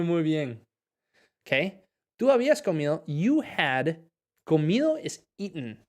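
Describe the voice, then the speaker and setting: A man teaching a live online English class, encouraging and explaining step by step as he switches between two languages mid-sentence. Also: medium pitch.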